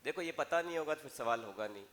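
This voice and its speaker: A man's voice: mid-range voice, expressive, fast, fairly bright tone, in a large hall. A male teacher lecturing a classroom in Rajasthani-accented Hindi, coaxing and scolding students with questions to the class.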